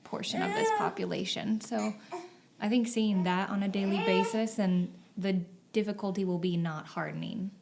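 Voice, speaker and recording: A woman's voice: medium pitch, expressive, moderate pace, vocal fry, noisy background. A woman missionary answering interview questions in a thoughtful, reflective way with frequent fillers.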